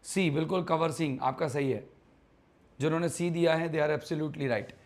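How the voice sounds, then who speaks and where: A man's voice: a little high, steady tone, normal speed. A man teaches an English grammar class live online. He talks casually and coaxes his students, repeating words over and over to drill them.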